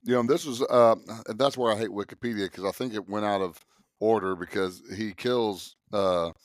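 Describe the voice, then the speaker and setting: A man co-hosting a casual movie podcast, chatty and relaxed, with a slight cough. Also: on the low side, normal speed, no echo, clean studio sound. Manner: relaxed, chatty, acts out lines in quotes. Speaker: podcast co-host.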